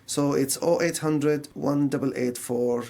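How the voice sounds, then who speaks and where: Speaking with a Syrian Arabic accent, this radio guest from Syria, who manages services at a mental health charity, explains things conversationally through imagined quotes. His warm voice sits on the high side, with fairly even intonation and a slightly slow pace.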